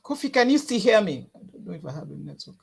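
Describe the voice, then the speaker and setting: A West African woman trainer on a video call, halting and full of fillers, her audio dropping in and out on an unsteady connection. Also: fairly low pitch, sing-song, creaky, slightly rough. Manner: halting, many fillers and restarts. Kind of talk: online software tutorial. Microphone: computer mic on a video call.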